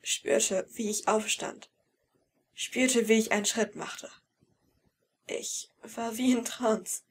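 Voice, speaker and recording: A woman's voice: a little high, fairly even intonation, takes it slowly, pauses often, slightly rough. A woman reading a fan-fiction audiobook in first person, with emotional, tense storytelling. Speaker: audiobook reader.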